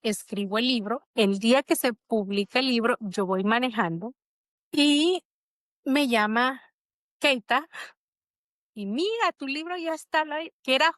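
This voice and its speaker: A woman's voice: on the high side, unhurried, a bit bright, dry recording. A middle-aged woman, an interview guest, telling a personal story in a reflective, emotional way. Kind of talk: conversational interview.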